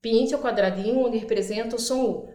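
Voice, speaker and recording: A woman teacher with a fairly high voice walks through literacy activities step by step. She stretches words out slowly to show how they break into sounds, then voices her prompts to the children. The recording has a noticeable room echo. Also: dark tone. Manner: stretches out words for demonstration, acts out classroom prompts. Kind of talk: instructional explainer.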